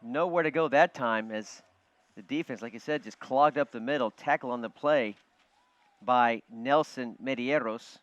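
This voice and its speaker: Male play-by-play announcer, dry muffled booth sound, mid-pitched. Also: no echo. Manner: quick, chatty, jokes with his partner. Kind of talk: live football play-by-play commentary. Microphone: broadcast booth headset. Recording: dull, muffled broadcast audio.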